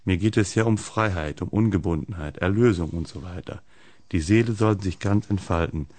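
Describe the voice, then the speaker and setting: Radio host guy reading funny stuff deadpan, low voice, dry studio sound. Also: normal speed, no room sound. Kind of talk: reading humorous texts aloud on radio.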